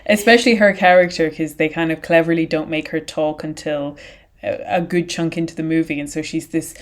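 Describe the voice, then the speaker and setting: Thoughtful low-voiced woman podcaster. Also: fairly even intonation, brisk. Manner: thoughtful, wandering sentences with frequent restarts. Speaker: podcast co-host. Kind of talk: casual conversational podcast chat.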